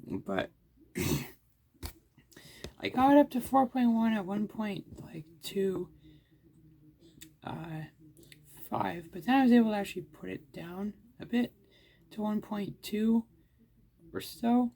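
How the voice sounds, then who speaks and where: Taking it slowly with long pauses, a man with a high, creaky, mellow voice talks through his computer tinkering and gameplay. He's a hardware hobbyist vlogger thinking aloud in a casual self-narrated screen recording, frequently restarting his sentences.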